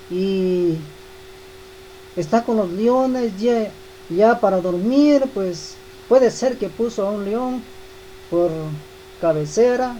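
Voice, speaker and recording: A woman's voice: mid-range voice, mellow, slight background noise, rough recording. A woman giving a devotional Bible teaching, speaking emphatically and repeating key phrases.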